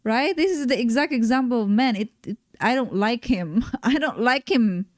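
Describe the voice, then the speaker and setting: A woman's voice: a little high, lively intonation, no room sound, studio quality. Exasperated woman reacting on stream. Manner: exasperated, critical, halting restarts. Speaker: streamer reacting to a panel video. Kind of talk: live stream reaction commentary.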